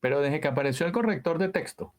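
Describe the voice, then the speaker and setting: A man, a guest audio engineer telling stories in a casual interview, animated and full of sound words and trailing asides. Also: a little high, fast talker.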